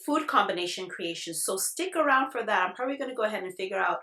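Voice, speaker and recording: A woman's voice: medium pitch, animated, fast, bright, forceful tone. A woman giving a casual product review, chatting directly to her viewers in an informal way. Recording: echoey, roomy sound.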